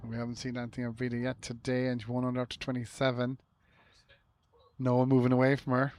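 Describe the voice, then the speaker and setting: An Irish man commentating live on golf in a casual, low-key way, with short shot descriptions and chatty asides. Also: monotone, fast, darkish tone.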